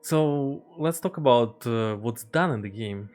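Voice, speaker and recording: With faint music in the background, a non-native English-speaking man walks through his indie game in a relaxed devlog voice-over. His medium-pitched voice is expressive and a little mellow, and he frequently stalls with fillers and restarts.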